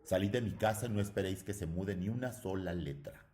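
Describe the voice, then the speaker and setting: Man voicing a haughty governor: commanding, clipped, deep and dark. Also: brisk, faint music behind, close to an everyday voice. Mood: stern. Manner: curt and commanding. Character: stern haughty male Roman governor.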